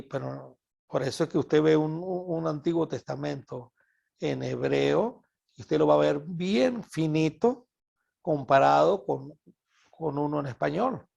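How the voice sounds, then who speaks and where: Heard on dull audio, a fairly high-pitched Venezuelan man with vocal fry and a slightly rough voice leads an animated Bible study sermon in Venezuelan-accented Spanish, repeating words to drive points home.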